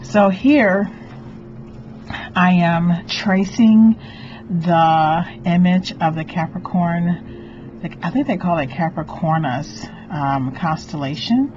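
A middle-aged woman hosting a craft vlog, speaking in a theatrical, gushing way with drawn-out emphasized words. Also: fairly low pitch, muffled recording, noisy background. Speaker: craft channel host, doll artist. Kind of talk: vlog and DIY tutorial. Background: music.

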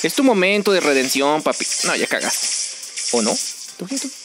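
A young man with a Mexican accent, doing excitable, joking commentary while playing a game with friends. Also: a little high, moderate pace, over music. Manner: joking, excitable, teasing teammates. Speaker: gaming streamer. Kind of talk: casual gameplay commentary.

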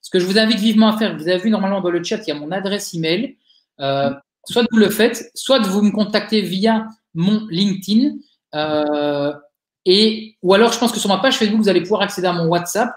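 This webinar speaker, who owns a digital agency, gives live Q&A answers in a chatty, encouraging way, frequently hesitating. He has a Liège Belgian French accent and a high, fairly quick voice, recorded with a roomy sound.

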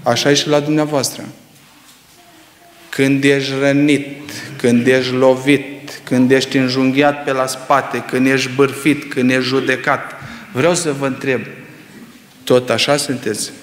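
A man preaching a sermon, swinging between loud rising exclamations and hushed low asides, firing rhetorical questions at the congregation. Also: slight background noise. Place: church hall. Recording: echoey reverberant church hall.

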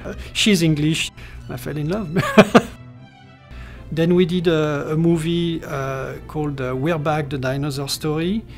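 In an indoor studio room, a middle-aged character designer from France gives a seated interview, hesitant and full of fillers and restarts. His French-accented voice is somewhat high, steady, and a bit slow, with soft music in the background.

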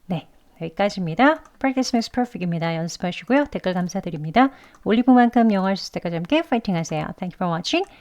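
A woman teaching English pronunciation, repeating each word slowly and deliberately as a model for learners. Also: medium pitch, expressive, darkish tone, highs cut off. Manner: slow, deliberate drills with repeated model words. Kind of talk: pronunciation lesson.

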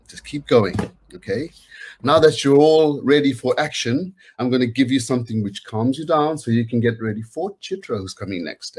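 A slightly rough, somewhat mellow voice of medium pitch belongs to a middle-aged man reading picture books aloud. He sits in a small room at home, chatting easily with children and encouraging them to participate.

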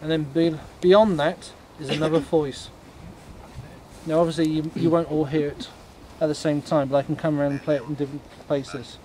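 Guy doing a ghost walk talk, kinda high voice, matter of fact, stop-start, lots of background noise. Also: level tone, normal speed, mellow. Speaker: ghost tour guide. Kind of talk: informal explanatory talk to a tour group. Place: on a night walking tour, in the dark. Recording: noisy outdoor night recording.

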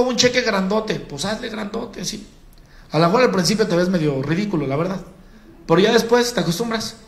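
Mexican male sales trainer, high voice, colloquial and demonstrative, live in an echoey event hall. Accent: Mexican Spanish. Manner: colloquial, addresses audience as compadre, demonstrates by acting out. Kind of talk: live public-speaking training.

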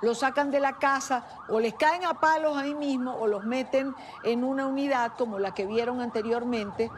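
A woman hosting a live television interview, her voice sitting a little high. She talks with frequent hesitations and false starts. A faint hiss of noise runs underneath. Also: normal speed. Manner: hesitant, many fillers and restarts. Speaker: TV news interviewer.

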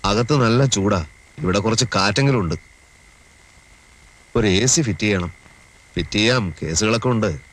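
An actor playing a lawyer with a dry, sarcastic manner, in 1980s film style. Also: male voice, on the low side, moderate pace, pauses often, fairly bright tone. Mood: wry.

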